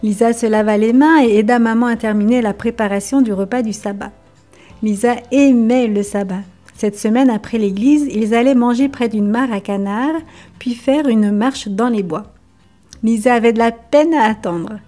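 A woman presenting a children's Bible lesson, reading a story in a steady, clear way. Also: fairly high pitch, moderate pace, faint music behind.

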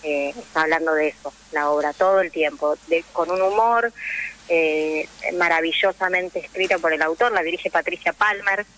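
In a low-quality recording, a young woman from the Rioplatense region of Argentina, an actress and drama teacher, chats as a radio guest. Her voice sits low and a bit bright at a normal speed, and she explains emphatically while often checking in with her listener.

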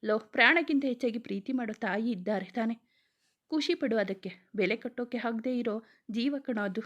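A woman voicing a loyal young man who is the hero's best friend, brisk and scolding yet protective, in a storybook reading. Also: a little high, fairly bright tone, dull audio, lightly acted. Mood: comforting.

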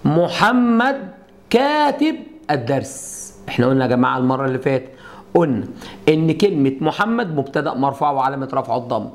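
A man's voice: mid-range voice, racing. A middle-aged man with an Egyptian accent, teaching Arabic grammar at a board and explaining step by step with repeated rhetorical questions to his students. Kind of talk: classroom lesson at a whiteboard.

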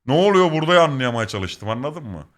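Animated young man telling stories. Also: medium pitch, fast. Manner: animated, swearing, acts out quoted exchanges. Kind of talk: casual storytelling to chat.

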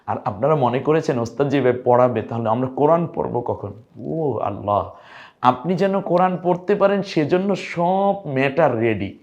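A male Quran teacher giving a recorded online lesson. He encourages his students warmly and asks and answers his own questions as he goes. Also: fairly low pitch.

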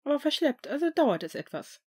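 Strict older healer, clipped and firm, pitched up high; woman reader. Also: sing-song, a little mellow. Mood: stern. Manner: brisk, stern.

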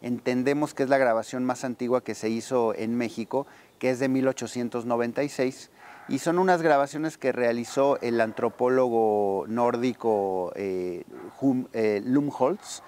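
A man with a mid-range, slightly mellow voice speaks a little slowly, explaining things thoughtfully and often searching for words. He is an archive deputy director being interviewed outdoors in a garden, recorded on a lapel microphone.

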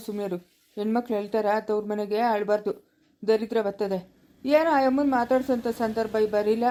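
A woman's voice: on the high side, mellow, close to an everyday voice. A woman with a rural Chikkaballapura Kannada accent, acting a patient elderly village grandfather in a family skit, soothing and reassuring.

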